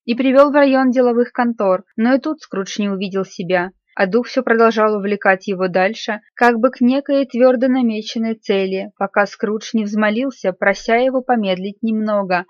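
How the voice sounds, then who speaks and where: A woman's voice: on the high side, dry recording. Woman narrating a classic story. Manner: measured, expressive reading. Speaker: audiobook narrator. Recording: slightly muffled dry recording.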